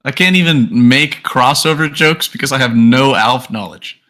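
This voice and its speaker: A man's voice: mid-range voice, normal speed, sharp tone. A man co-hosting a podcast in casual chat, joking, swearing and laughing often. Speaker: podcast co-host.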